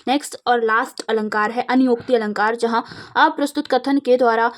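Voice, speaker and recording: Young woman teacher explaining grammar. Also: a little high. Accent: Madhya Pradesh Hindi. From India. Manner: steady explaining, slows to recite verse examples. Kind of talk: exam revision lesson.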